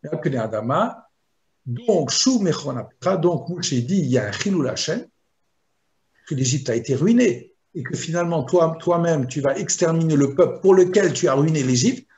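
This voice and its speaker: A man teaching a Torah lesson as a rabbi, explaining slowly and chanting Hebrew verses in between. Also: fairly high pitch, lively intonation, darkish tone. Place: video lesson.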